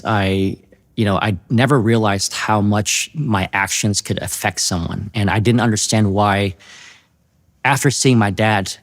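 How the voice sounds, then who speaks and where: A man sharing his personal testimony in an earnest, halting way, often restarting his sentences. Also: on the low side. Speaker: testimony speaker.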